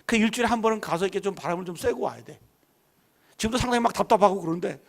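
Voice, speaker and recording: A man's voice: high-pitched, racing, vocal fry. A middle-aged man preaching a Friday night sermon as pastor, talking in a casual, colloquial way and often putting questions to the congregation. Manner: preachy call-and-response, asking the congregation questions; colloquial storytelling about his daughters. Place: church sanctuary.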